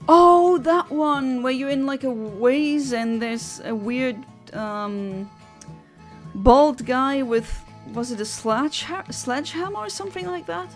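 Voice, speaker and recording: A woman's voice: high-pitched, animated, takes it slowly, soft background music. A young woman from Luxembourg, chatting on a livestream headset mic, reading out viewer comments and giggling between rambling asides.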